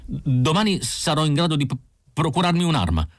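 A man voicing a timid, excitable male outcast who stammers and chatters eagerly in a raised voice. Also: fairly high pitch, fairly quick, no echo, studio quality, voice pushed up.

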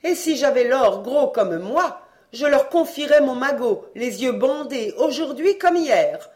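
An audiobook reader voicing a bossy, loud-mouthed mother of a poor family who scolds and gives orders. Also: lively intonation, unhurried. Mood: scolding. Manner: scolding, commanding, shrill. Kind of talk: audiobook reading, acted dialogue.

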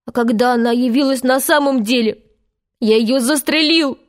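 A woman reading a storybook aloud and voicing a timid lost boy who speaks quietly and full of remorse. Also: high voice, moderate pace, pitched above the performer's own voice, lightly acted. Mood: remorseful.

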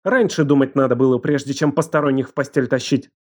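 A man voicing a stern, domineering middle-aged aunt who scolds in a harsh, shouting voice raised high above his own. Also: steady tone, fast talker, natural voice. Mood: furious scolding. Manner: shouting, harsh, breaking into a shriek.

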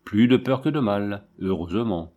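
A calm male doctor, voiced by a man reassures in short phrases. His tone is low and gentle. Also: moderate pace, narrow, tinny audio, lightly acted. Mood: reassuring.

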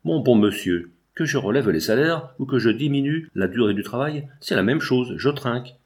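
A man's voice: medium pitch, big pitch swings, normal speed, a little mellow. A man voicing a blunt, wealthy male factory owner who talks in a curt, dismissive way.

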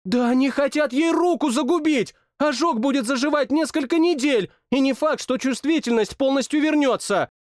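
A man's voice: extremely high pitch, no room sound, clean studio sound, voice pushed up. Man playing a fierce young otherworldly woman. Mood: indignant. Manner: sharp, scolding, rapid-fire. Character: young woman from another world, fierce, indignant.

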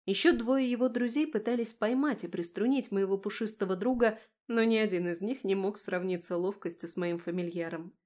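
A woman reading a fantasy novel aloud in an even storytelling manner. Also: medium pitch, brisk. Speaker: audiobook narrator. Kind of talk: scripted narration.

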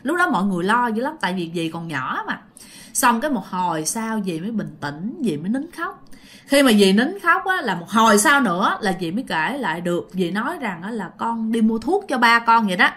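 Woman, casual ghost-story telling, fairly high voice, very lively intonation, talks to listeners. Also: fairly quick. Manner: animated, addresses listeners directly.

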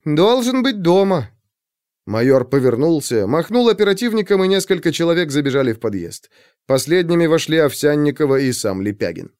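A man narrating a crime story as a scripted audiobook, in an expressive, dramatic way. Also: on the high side, fairly quick, clear, resonant tone, no echo, studio quality.

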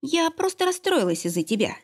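A woman's voice: sits high, very animated, fairly quick, pitched above the performer's own voice. A woman voicing a worried, loving middle-aged mother in an audiobook, speaking in a fussing, soothing way. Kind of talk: audiobook character reading.

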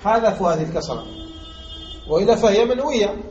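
A man from Algeria teaching a grammar text, pausing to ask his students questions and repeating key points. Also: sits high, expressive, a little mellow. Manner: asks students rhetorical questions and drills the point. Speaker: sheikh teaching Arabic morphology. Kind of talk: classroom lesson explaining a grammar text. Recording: muffled lo-fi lesson recording with faint background noise.

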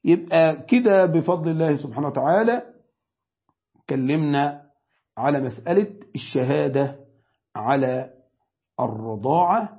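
Egyptian sheikh teaching, lo-fi sound. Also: male voice, a little high, expressive, moderate pace, long pauses. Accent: Egyptian Arabic. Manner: rhetorical questions and answers. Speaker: sheikh teaching Islamic law. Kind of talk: religious lesson. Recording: dull lo-fi recording.

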